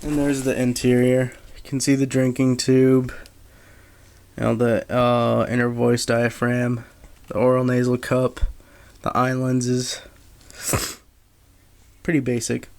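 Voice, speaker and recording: A man giving a casual, unscripted gear review in a halting, low-key way with frequent pauses. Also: gravelly. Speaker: military surplus collector reviewing gear. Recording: steady background noise, handheld camera.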